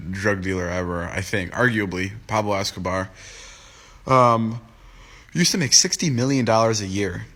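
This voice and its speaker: A man in his twenties with a lowish, fairly bright voice talks casually to viewers on a phone livestream from home. He's groggy from just waking up and rambles and jokes while answering comments.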